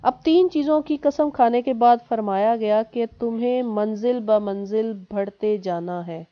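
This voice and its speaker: A woman teaching a lesson, reciting verses and then translating and explaining them slowly. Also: on the high side, dull audio. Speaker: Quran teacher.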